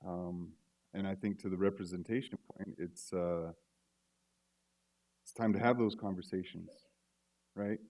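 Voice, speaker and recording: A man with a deep, warm voice speaking on a library panel stage. He is measured and reflective, with plenty of pauses. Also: fairly even intonation. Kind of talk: panel discussion remarks.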